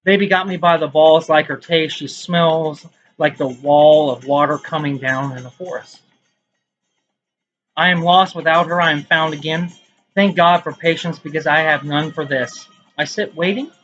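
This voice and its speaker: A man's voice: a little high, moderate pace, a bit bright, lo-fi sound, faint music behind. A man reading his own poems aloud in a casual vlog, with rambling, self-mocking asides between them.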